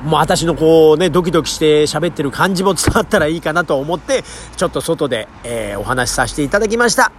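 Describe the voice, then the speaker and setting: A man's voice: a little high, lively intonation, fast talker, hardly any pauses. A man hosting his own talk show, chatting politely with many fillers, recorded outdoors near a station. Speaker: podcast host. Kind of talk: casual solo talk. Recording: faint street noise outdoors.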